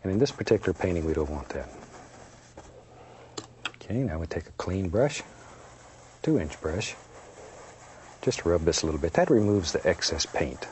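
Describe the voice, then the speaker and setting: Gentle, deep-voiced male painting instructor. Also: big pitch swings, a little hiss or hum. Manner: folksy, playful, unhurried encouragement. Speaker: painting instructor, show host. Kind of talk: unscripted step-by-step painting demonstration.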